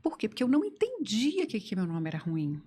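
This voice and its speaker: A woman hosting a podcast, telling an animated story in casual conversation and laughing often. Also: mid-range voice, a little fast, husky. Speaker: podcast host.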